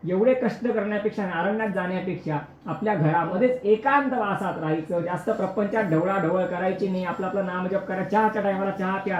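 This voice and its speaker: A man's voice: high voice, slight background noise. Male preacher, storytelling sermon with sung verses; reverberant, dull-sounding recording. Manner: storytelling, addresses listeners directly, breaks into chanted verses. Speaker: kirtan preacher.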